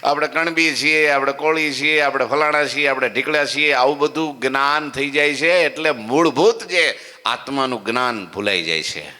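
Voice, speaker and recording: In a temple hall, a man preaches a devotional story sermon at a moderate pace. He swings between loud exclamations and low asides, checking in with his listeners.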